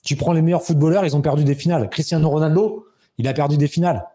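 A man in his thirties telling a personal story as an interview guest, animated and acting out quoted dialogue. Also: fast. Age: 30s. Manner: animated, acts out quoted dialogue with raised pitch. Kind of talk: casual storytelling.

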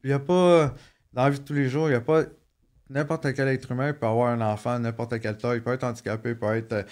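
A man in his thirties with a Quebec French accent speaks in a medium-pitched, slightly mellow voice, fairly quick and fairly even in intonation. As a podcast guest he tells personal stories casually, joking and restarting frequently with fillers.

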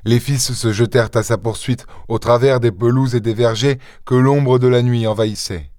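A man reading a short story aloud in a measured, low-key narrating voice. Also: fairly even intonation, a little mellow, no room sound, clean studio sound. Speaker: audiobook reader. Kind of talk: scripted narration.

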